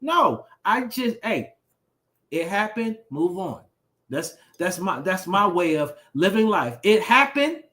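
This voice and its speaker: A man co-hosting a marriage livestream as a pastor, talking in a lively, preacher-like way with call-and-response catchphrases. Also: high voice, slow. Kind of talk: casual chat on a livestream.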